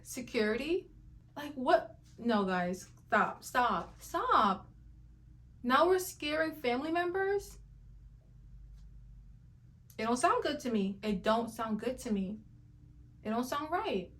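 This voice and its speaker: A woman's voice: high-pitched, sing-song, measured pace, pauses often. A woman hosting skincare reaction commentary, emphatic and incredulous, often breaking into laughter.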